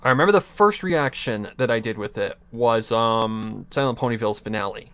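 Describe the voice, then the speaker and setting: A young male streamer talks brisk and smooth in a medium-pitched, slightly bright voice, with no room sound around him. Sitting at his home computer desk, he gives rambling advice into a USB desk mic, restarting, chuckling and swearing offhandedly.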